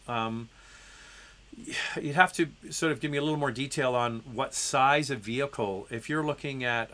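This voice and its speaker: A host fields viewer questions on a live stream Q&A, reading their messages aloud. He's a man with a bright, medium-pitched voice, stuffed up from a head cold, and he talks conversationally with lots of ums and restarts.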